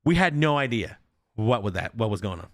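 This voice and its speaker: A young man on a podcast tells a haunted-house story in a loose, casual way. He swears freely and acts out every quote with real energy, his pitch swinging widely. The sound is close and dry. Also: very animated, brisk, a bit bright, dry recording. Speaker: podcast host.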